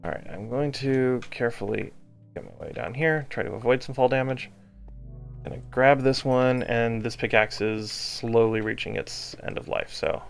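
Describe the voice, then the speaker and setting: An exhausted man giving casual gameplay commentary, halting as he thinks aloud to himself. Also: mid-range voice, gravelly, faint music behind. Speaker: gaming video host.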